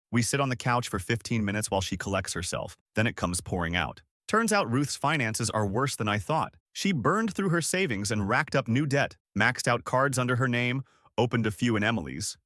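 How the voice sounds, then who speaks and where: A middle-aged man narrates a scripted story in a sardonic, wry, dry manner. His voice is medium-pitched with a fairly bright tone, captured in a close, dry recording.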